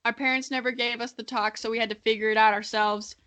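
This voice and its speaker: A woman in her early twenties co-hosts a podcast informally, chatting casually and dramatically reading her childhood writing aloud while often breaking into giggles and laughter. Her voice is fairly high and bright, fast and forceful, with a steady tone.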